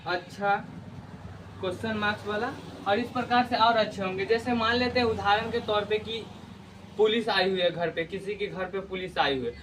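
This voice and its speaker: Man, high-pitched, grammar teacher, repeats key words. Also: background noise. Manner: explains with everyday memory tricks, repeats key words. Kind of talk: Hindi grammar lesson.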